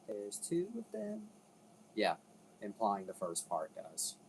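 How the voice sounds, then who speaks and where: A man's voice: on the low side, huge pitch swings, slow, vocal fry, a little hiss or hum, rough recording. Rambling man hosting casual commentary. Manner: rambling, self-interrupting, swears casually. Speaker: video host.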